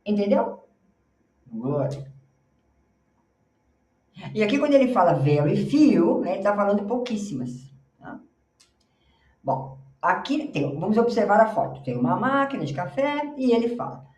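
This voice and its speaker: A Brazilian woman teaching English on slides. She explains in Portuguese, models pronunciation slowly and keeps checking in with the class. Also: medium pitch, very animated, a little mellow. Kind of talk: slide-based language lesson. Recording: roomy, slightly distant mic.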